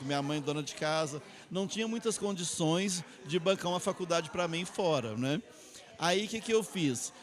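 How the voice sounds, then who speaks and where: A middle-aged Brazilian man, an artist guest, telling his life story in a rambling way, often ending phrases with tag questions. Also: fairly high pitch. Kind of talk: interview storytelling. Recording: music playing behind.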